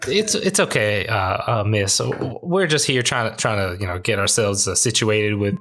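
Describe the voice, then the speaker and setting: A man's voice: lowish voice, expressive, moderate pace, noisy background. Hesitant man playing a tabletop game. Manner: hesitant, with stammers. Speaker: player. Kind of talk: tabletop game play, in character.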